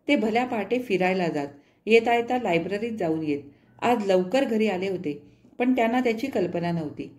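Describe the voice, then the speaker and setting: A woman narrating a short story in a measured, expressive storytelling manner. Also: mid-range voice.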